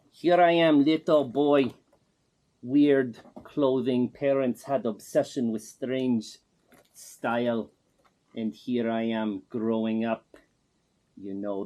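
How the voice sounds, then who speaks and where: A man doing a boastful oddball pop star with a put-on Russian accent. He drawls in slow, broken English with deadpan confidence. His pitch sits mid-range. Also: lightly acted. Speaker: interviewee.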